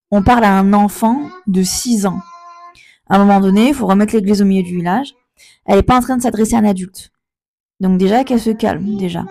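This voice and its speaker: Give me an indignant woman telling a story, emphatic and repetitive, with a warm, mellow voice. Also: mid-range voice, vocal fry. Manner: indignant, emphatic, repeats herself. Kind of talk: storytime vlog, casual retelling.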